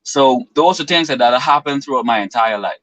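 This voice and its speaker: A man's voice: medium pitch, expressive, brisk, fairly bright tone, dry recording, poor audio. A man in his twenties from the Bahamas, talking as a guest in an earnest, philosophical way with long winding explanations. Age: 20s. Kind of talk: reflective interview talk.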